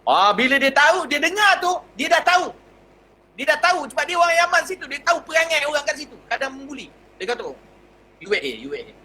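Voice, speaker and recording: A Malaysian man with a Malay accent, a religious teacher telling a personal story in a lively, anecdotal lecture. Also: very high-pitched, fast talker, a little hiss or hum, rough recording. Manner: lively anecdotal telling, acts out dialogue, chuckles.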